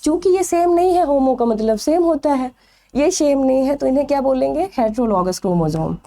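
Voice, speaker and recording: A woman's voice: high voice, a little fast, dark tone. A woman teaching a biology exam-prep lecture. She asks questions and answers them herself, stretching out the key terms.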